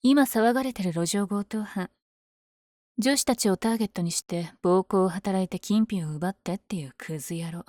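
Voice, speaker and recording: A woman playing a powerful, flirtatious villain lady smitten with her hero rival, in an ASMR audio drama with teasing, breathy asides. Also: medium pitch, normal speed, warm tone, no room sound, clean studio sound, lightly acted. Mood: breezy, taunting.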